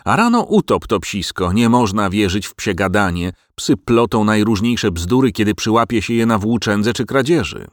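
A sharp-tongued middle-aged farmer's wife scolds her husband with brisk common sense, read by a man in his own low voice. It is a storybook reading with a dry, close sound. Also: animated, dry recording, natural voice. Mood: scolding. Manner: scolding, matter-of-fact.

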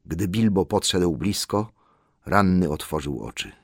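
A man narrating a storybook in an expressive storytelling delivery. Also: sits low, a little slow, slightly rough, no echo, studio quality. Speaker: audiobook narrator. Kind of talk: scripted narration.

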